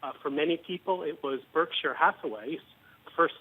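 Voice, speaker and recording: A man being interviewed as a guest analyst on a business news show, explaining at a measured pace with some fillers. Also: a little high, slightly rough. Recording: tinny phone-line audio.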